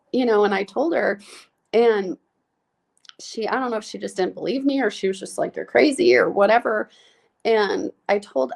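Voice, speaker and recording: Speaking with a gravelly voice, this nurse practitioner recounts something intensely personal on a podcast. Her delivery is tearful and hesitant, packed with fillers, and her voice keeps cracking.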